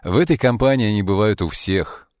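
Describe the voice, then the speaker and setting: A man's voice: lowish voice, a little fast, darkish tone, no room sound, clean studio sound, long reverb tail, close to an everyday voice. A man voicing a cheerful, friendly young male lawyer. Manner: cheerful, easy greetings.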